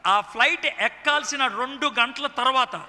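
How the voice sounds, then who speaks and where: A man preaching a sermon, telling stories with animated emphasis, repeating key lines and mixing in English phrases. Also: very high-pitched, normal speed, slight background noise. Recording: long hall reverb.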